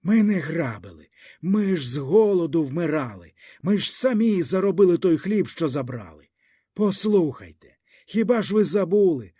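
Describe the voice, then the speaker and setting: An anguished peasant leader, as a male reader plays him begs and pleads in a raised, urgent voice. The tone is husky and mellow, and his pitch swings widely between phrases. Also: animated, moderate pace, no echo, studio quality. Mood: pleading.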